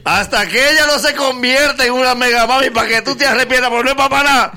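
A man delivers a comic monologue in a high, bright voice. He tells it with animation and keeps breaking into laughter at his own jokes. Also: fast talker. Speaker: comedian leading the segment. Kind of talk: comedic monologue with banter.

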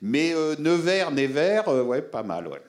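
A man's voice: a little high, big pitch swings, a little slow. A man giving a public talk on film, answering audience members in an explanatory, emphatic way and addressing listeners directly.

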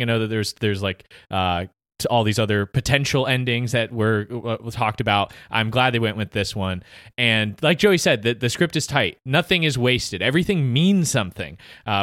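A man co-hosts a casual movie review podcast, talking in animated quick bursts and laughing often. His pitch sits mid-range for a man. The sound is close and dry. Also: clear, resonant tone, dry recording. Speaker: podcast co-host.

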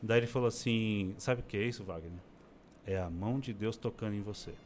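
The interview guest, a man in his forties, has a low-leaning voice and speaks briskly, with slight background noise. Telling his personal testimony in casual chat, he expressively acts out the voices of the people he quotes.

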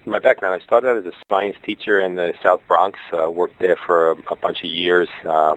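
This guest is a middle-aged charter school founder from Brooklyn, New York, whose Brooklyn accent comes through as he rambles through interview answers with plenty of fillers and restarts. His voice is low and a bit bright, his tone steady and pace moderate, on dull audio.

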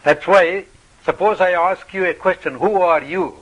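In a recording with the highs cut off, a male spiritual teacher speaks English in a high, bright voice at a slightly slow pace. He uses brief, playful phrases and frequent questions, stopping after each one for an interpreter.

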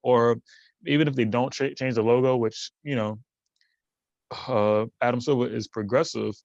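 A man's voice: mid-range voice, fairly even intonation, normal speed, a little mellow, dry recording, muffled recording. A man as a podcast guest in casual chat, rambling with many fillers and restarts and laughing often. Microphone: remote recording.

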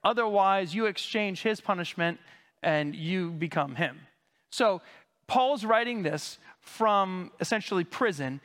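This male pastor's voice sits high and a bit bright as he gives an expository sermon in a church sanctuary, explaining Greek terms conversationally. Recovering from a lost voice, he coughs repeatedly, with long hall reverb on the recording.

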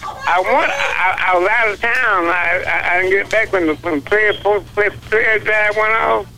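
Man on a phone line, caller, halting, stammering, high-pitched, bright tone. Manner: halting, stammering, repeats words. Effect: heard over a phone line. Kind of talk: call-in chat on a radio show.

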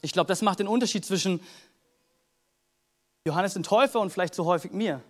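High-voiced man preaching a casual sermon. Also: fairly quick. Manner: earnest, conversational preaching with Bible readings. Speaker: pastor.

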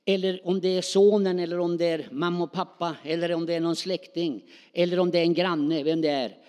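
A middle-aged male preacher with a high voice delivers a lively, spontaneous sermon, throwing questions out to his congregation. His voice rings through a church hall with a long reverb trailing behind each phrase. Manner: animated, spontaneous, calls out to the congregation.

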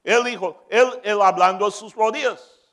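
A man preaching a sermon as pastor, moving from shouted peaks to joking asides. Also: high-pitched, normal speed.

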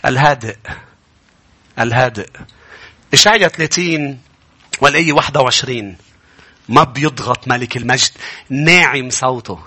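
Male Lebanese preacher, sermon delivery, bright and husky tone, impassioned. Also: a little fast, pauses often. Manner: impassioned, swinging from low earnest tones to high emphatic bursts. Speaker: pastor.

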